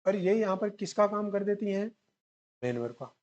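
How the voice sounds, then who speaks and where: A man's voice: high voice, animated, moderate pace, darkish tone, muffled recording. A male English teacher giving an exam-prep lecture at a whiteboard, asking the class questions and answering them himself while repeating key words. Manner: mixes English grammar terms into Hindi explanation.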